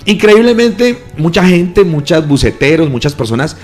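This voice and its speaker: A man's voice: fairly high pitch, sing-song, normal speed, faint music behind. A man, a pastor, tells a testimony with feeling in an interview, acting out the voices he quotes. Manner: earnest storytelling, quoting voices with feeling.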